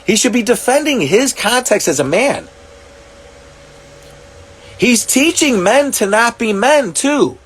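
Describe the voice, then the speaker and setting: A man talking to camera, reacting to clips, swearing often and working out his thoughts aloud with halting restarts. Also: very high-pitched, expressive, a bit bright, slightly rough. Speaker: commentary vlogger. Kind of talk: reaction monologue.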